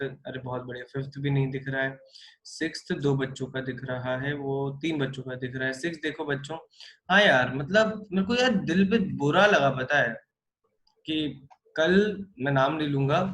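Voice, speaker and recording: A man with a mid-range voice teaches a live online math class, working through problems while joking with and coaxing his students. He's animated and calls them kids, and a little hiss or hum sits in the audio.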